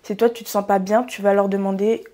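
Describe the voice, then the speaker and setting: A woman's voice: mid-range voice, a little fast. Young woman chatting about living abroad. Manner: relaxed, hesitant with fillers. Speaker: interviewee, exchange student. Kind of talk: casual interview chat.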